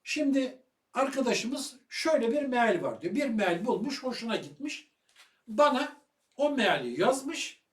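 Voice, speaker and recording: A man giving heated video commentary on religious matters, loud and fiery, firing rhetorical questions at his listener. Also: extremely high pitch, sing-song, unhurried, echoey room, recorded from a distance.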